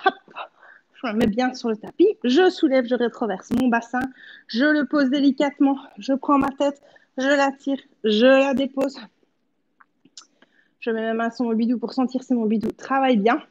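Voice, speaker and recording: A woman's voice: high voice, normal speed, darkish tone, highs cut off. A woman in her thirties leading a home workout as a fitness coach, giving short encouraging cues and counting repetitions while she exercises. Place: living-room home studio, indoors.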